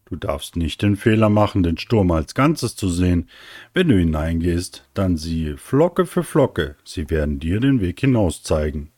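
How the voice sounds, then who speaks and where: A calm, wise cloud from a bedtime story speaks in an unhurried, gently amused way, voiced by a man. The voice stays low and dry. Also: dry recording, exaggerated voice.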